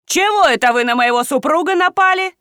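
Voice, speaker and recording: A woman's voice: on the high side, big pitch swings, moderate pace, fairly bright tone, no room sound, studio quality. A woman doing a bossy, scolding old wife. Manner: commanding, scolding.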